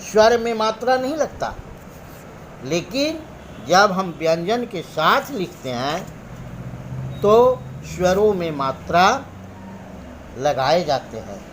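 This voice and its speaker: A man teaching a grammar lesson, explaining slowly and deliberately and drawing out each example sound. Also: sits high, very animated, a little hiss or hum. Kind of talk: classroom lesson.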